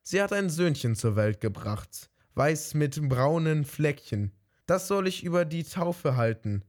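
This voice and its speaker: A man's voice: a little high, animated, measured pace, a little mellow. A man voicing a sly, greedy female cat who coaxes and sweet-talks in a fairy-tale reading. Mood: coaxing. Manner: coaxing, sweet-talking.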